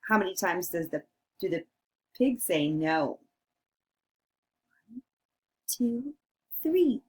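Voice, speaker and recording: A woman's voice: mid-range voice, big pitch swings, slow pace. A woman teacher reading a picture book aloud to children and coaching them to read along. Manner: instructive, coaxing children to join in.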